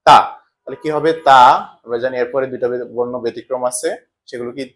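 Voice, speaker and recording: A man's voice: medium pitch, steady tone, fast, fairly bright tone. A man teaching a language lesson, explaining step by step and asking questions that he answers himself. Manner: asks questions and answers them himself, repeats patterns.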